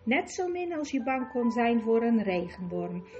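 A woman reads a fantasy story aloud in a calm, even storytelling voice. Her pitch sits a little on the high side. Soft music plays faintly behind her. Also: unhurried, dull audio. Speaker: narrator. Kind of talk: audiobook narration.

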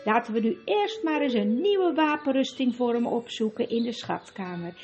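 A woman doing a calm young high king. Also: normal speed, lo-fi sound, faint music behind. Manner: calm, reasonable. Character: calm boy, eldest brother and leader.

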